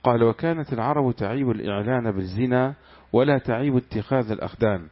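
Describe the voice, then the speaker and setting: A man's voice: medium pitch, quick pace. A man reading a classical religious commentary aloud to his teacher, answering with short amens between passages. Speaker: student reading the text aloud. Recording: dull lo-fi recording.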